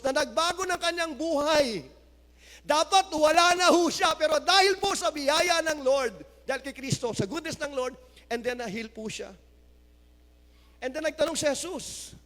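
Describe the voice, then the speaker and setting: High-voiced man preaching in a reverberant hall. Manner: mixes Tagalog and English, reads scripture aloud; rises to loud exclamations of praise. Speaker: pastor. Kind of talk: sermon. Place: church hall.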